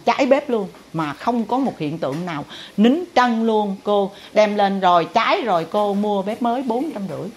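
A woman's voice: mid-range voice, lively intonation, normal speed, few pauses. A woman with a Southern Vietnamese accent, a spiritual teacher telling her followers a dramatic story with emphatic delivery. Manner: emphatic, dramatic retelling with acted-out quotes.

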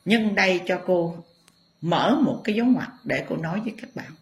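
Low, impassioned woman telling stories. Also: animated, normal speed. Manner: emphatic, impassioned. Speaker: spiritual teacher. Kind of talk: dramatic storytelling to viewers.

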